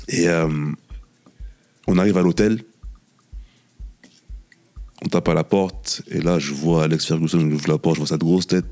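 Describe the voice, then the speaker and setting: A former professional footballer chatting as a guest, telling animated anecdotes and repeating himself often. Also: male voice, low voice. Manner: animated anecdotes with many repetitions and "tu vois". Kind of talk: casual storytelling interview.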